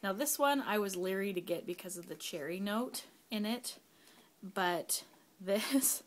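A woman's voice: medium pitch, expressive, a little slow. A young woman, a mother at home, chatting casually through a candle review, rambling with fillers and sometimes dropping to a whisper. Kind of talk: casual product review vlog. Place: home, kids nearby.

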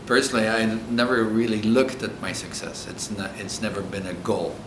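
A man's voice: on the low side, brisk, echoey room, background noise. A man in his sixties with a French accent, a coach thoughtfully answering interview questions in earnest. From Egypt. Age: 60s. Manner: earnest, thoughtful, searching for words. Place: indoor hotel room.

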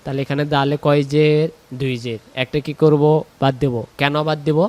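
A man, teaching Quran recitation. He explains the rules briskly, then chants the verses slowly and drawn out. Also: on the high side, level tone, darkish tone.

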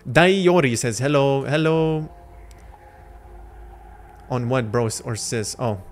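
Speaking slowly and expressively in a mid-range voice, a young adult livestreamer whose native language is Lithuanian chats casually with his viewers while he plays. He's in his home streaming room on a headset, rambling in slang and answering chat between moves.

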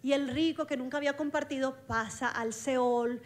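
High-voiced woman preaching animatedly. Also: normal speed. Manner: lively, acts out dialogue, laughs along with her story. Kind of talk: storytelling sermon.

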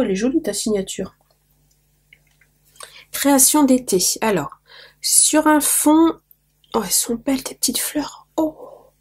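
A craft vlogger who is losing her voice opens mail and gushes over small details, chatting casually with viewers in a show-and-tell. Her voice is mid-range with a darkish tone and a breathy edge.

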